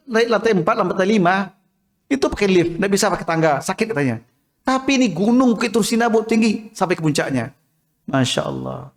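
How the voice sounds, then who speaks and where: A man preaching a mosque sermon in a storytelling way, often asking the women listening questions and acting out quoted voices. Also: high voice. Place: mosque hall. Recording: long reverb of a hall.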